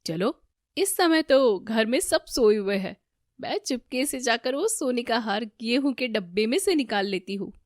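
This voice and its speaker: A woman's voice: a little high, lively intonation, unhurried, dry recording, studio quality, pitched above the performer's own voice. A woman voicing a scheming young daughter-in-law who steals from her family, in a cartoon story. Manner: sly, scheming asides, panicky when caught.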